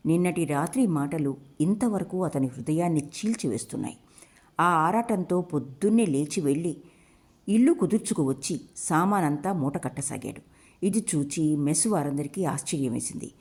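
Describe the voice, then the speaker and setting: Audiobook narrator, woman, warm low voice, steady measured delivery. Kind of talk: scripted narration.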